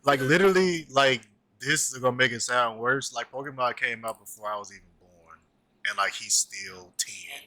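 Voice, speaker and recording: A man's voice: mid-range voice, normal speed, no room sound. A man in his twenties chatting casually about cartoons, rambling with lots of filler words. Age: 20s. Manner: animated, rambling with many "like" fillers. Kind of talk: casual chat.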